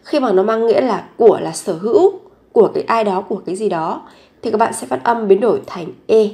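A woman teaching a vocabulary lesson, repeating each word three times and then explaining pronunciation slowly and carefully. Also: mid-range voice, expressive, mellow. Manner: slow, careful pronunciation drills. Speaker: Korean language teacher.

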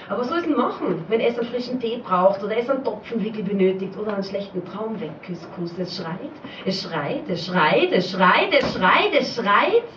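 A woman's voice: fairly high pitch, a little hiss or hum. Woman doing slam poetry in a pub, repeats lines in a rhythm, recorded far from the mic, muffled and echoey. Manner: rhythmic, repetitive, dialect-tinged recital. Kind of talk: spoken-word poetry performance. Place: small pub stage before an audience. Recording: dull, roomy live recording from far off.

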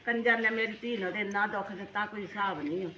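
A woman's voice: mid-range voice, fast, natural voice. An older woman playing an indignant mother who scolds her daughter's husband, cutting in again and again to ask what she thinks, in an amateur family skit. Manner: indignant, keeps asking "hain?". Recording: roomy, dull lo-fi sound.

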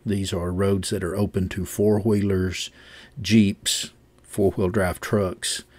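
Deep-voiced man narrating plainly. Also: little pitch movement, slow pace, darkish tone, no room sound. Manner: matter-of-fact, explaining. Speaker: vlogger. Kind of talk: voice-over narration.

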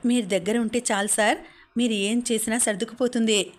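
A woman's voice: a little high, fairly even intonation, a little fast, close to an everyday voice. A woman reading as an eager, polite young friend. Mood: earnest.

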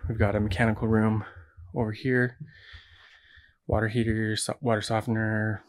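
An American builder gives a casual, matter-of-fact walkthrough of his project inside a large unfinished basement, explaining things as he goes. His fairly low voice is delivered flatly at a moderate pace.

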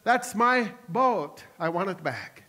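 A man's voice: high-pitched, animated, slow pace, bright, forceful tone, heavily acted. A preacher acting out an eager little boy in a church hall. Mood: excited. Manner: eager, insistent. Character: excited little boy claiming his lost toy boat. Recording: long reverb of a church hall.

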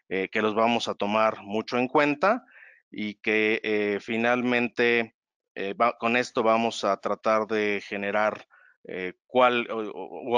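A man presenting slides in a webinar, explaining in a measured way and calling for the next slide. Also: on the low side, fairly bright tone, clean tone, dry recording.

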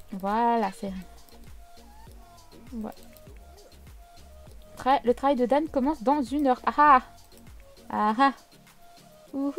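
A woman giving casual, chatty gameplay commentary with a playfully teasing manner. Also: fairly high pitch. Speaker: video game let's player.

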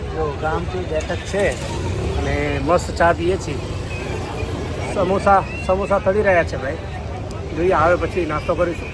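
A man's voice: fairly high pitch, steady tone, unhurried, pauses often, a crowd in the background. Chatty man vlogging over traffic noise. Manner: chatty, addresses viewers directly. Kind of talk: casual festive vlog narration.

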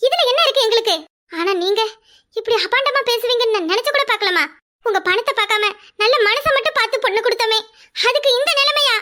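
A woman's voice: very high-pitched, fast, sharp tone. A woman voicing a pleading, tearful middle-aged mother of a bride, speaking with a Kanyakumari Tamil accent. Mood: distressed. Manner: emotional, pleading, often on the edge of tears. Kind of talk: cartoon voice acting.

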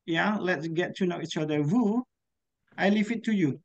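A man's voice: sits high, normal speed. A man leading an online English speaking class, with short, encouraging prompts to his students. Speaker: English teacher. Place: indoor room with virtual background. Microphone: video call. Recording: muffled video call audio.

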